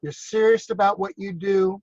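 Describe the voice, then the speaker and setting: On a dull, lo-fi video call, a New York man who consults for drone businesses chats loosely about drone work, repeating words and asking others to agree. His voice is high-pitched and darkish in tone, with fairly even intonation and a moderate pace, and the recording is dry.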